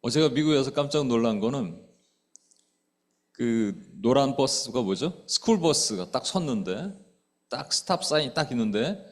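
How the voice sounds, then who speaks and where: A middle-aged man preaching in a conversational way, his pitch rising and falling widely as he questions the congregation. He acts out quoted speech with abrupt loud outbursts, then drops back to a low aside. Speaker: pastor. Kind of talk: sermon. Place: church sanctuary.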